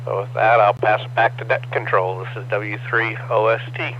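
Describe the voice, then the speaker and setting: A man checking in on an amateur radio net, talking in an easygoing way with frequent pauses, heard over a two-way radio link with static and hum. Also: fairly low pitch. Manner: easygoing, even-toned, with frequent pauses and fillers. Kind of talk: casual on-air check-in. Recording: muffled radio transmission with faint static and hum.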